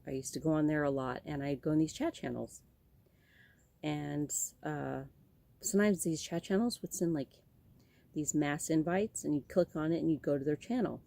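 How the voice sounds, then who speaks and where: With a deep, gravelly yet mellow voice at normal speed, a California vlogger in her late forties chats casually on camera about her life. She rambles along, with plenty of ums and restarts.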